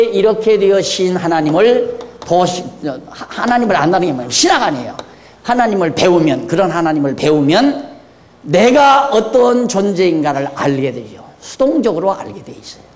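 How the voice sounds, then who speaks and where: An older man preaching a sermon in a church, moving between quiet asides and fiery, shouted questions. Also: high voice, big-room sound. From Korea. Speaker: pastor. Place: church hall.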